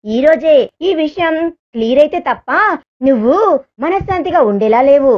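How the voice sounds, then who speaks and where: A woman's voice: high voice, lively intonation, moderate pace. A woman voicing a teasing, caring young man in a romantic audio story, in a slightly dull recording. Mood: calm explaining. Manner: teasing, gentle, reassuring.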